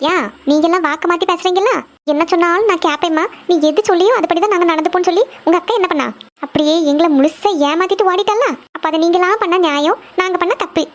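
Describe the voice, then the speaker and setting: A woman's voice: very high voice, quick pace, muffled recording. Woman doing a stern scolding cartoon mother. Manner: scolding, lecturing. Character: stern middle-aged mother, strict and threatening.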